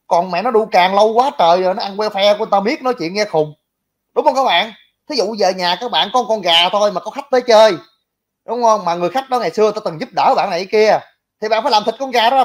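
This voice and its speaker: A man giving blunt, mocking casual political commentary, talking directly to his viewers. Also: sits high. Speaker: livestream commentator.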